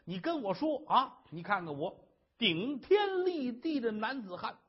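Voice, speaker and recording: A man performs a full character voice as a worried, doting husband, a boastful scholar, earnestly coaxing his wife to explain. His pitch is extremely high and sing-song, delivered at a measured pace with a breathy edge. The sound is lo-fi.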